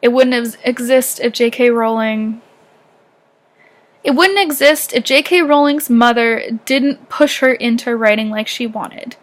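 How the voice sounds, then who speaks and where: In a casual personal vlog, a young adult woman with a light southern Ontario accent talks at a measured pace in a fairly high voice. She rambles along, constantly dropping in "um" and "like."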